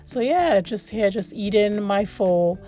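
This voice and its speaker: A woman's voice: mid-range voice, expressive, unhurried, warm tone, soft background music. A woman from Sierra Leone giving casual, chatty food vlog commentary, often repeating words for emphasis. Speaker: food vlogger. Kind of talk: casual voice-over commentary on a meal.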